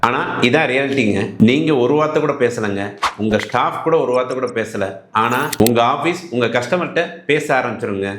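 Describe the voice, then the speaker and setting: A man's voice: mid-range voice, expressive, a little fast, fairly bright tone, a little hiss or hum. Tamil man giving business advice, echoey room. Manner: addresses viewers with rhetorical questions, polite spoken Tamil. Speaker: business coach. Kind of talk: direct-to-camera business advice.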